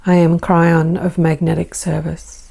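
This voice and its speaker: An Australian woman speaking as a benevolent spirit entity in a channelled spiritual message, slow and formal with repeated phrases. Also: low voice, little pitch movement, gravelly, warm tone, exaggerated voice. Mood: serene, benevolent.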